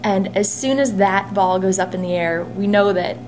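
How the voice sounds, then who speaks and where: A woman's voice: medium pitch, normal speed. Chatty upbeat young woman, humming room. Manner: upbeat, chatty, laughs easily. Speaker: interviewee, team sales and marketing staffer. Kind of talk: casual interview chat. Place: small locker room, indoors. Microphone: camera phone held close at arm's length. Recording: noisy room with steady hum.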